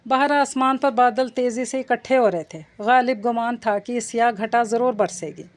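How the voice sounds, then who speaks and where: Woman, narrator, audiobook reading, romance novel, steady, fairly high voice. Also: moderate pace.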